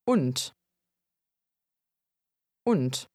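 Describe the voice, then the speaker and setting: Woman, slow careful speech, mid pitch, dry studio sound. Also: sing-song, darkish tone, dry recording. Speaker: native-speaker model voice.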